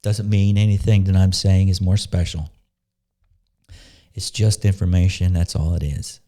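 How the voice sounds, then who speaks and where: A man leading a guided meditation, talking slowly and softly in an unhurried, calm way, pausing and restarting phrases. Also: low-pitched. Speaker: spiritual teacher leading a meditation. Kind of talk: slow, soft-spoken guided meditation talk.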